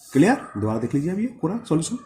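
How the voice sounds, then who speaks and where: A young man teaching a whiteboard maths lesson step by step. He keeps asking the viewer quick questions and slows right down to read out formulas. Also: a little high, sing-song, mellow.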